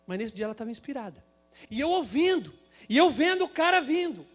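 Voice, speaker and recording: Man, Brazilian Portuguese accent, preacher, sermon, very high voice, animated comic storytelling. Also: a little fast, faint music behind. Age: adult, married with a son. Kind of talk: sermon with humorous personal storytelling.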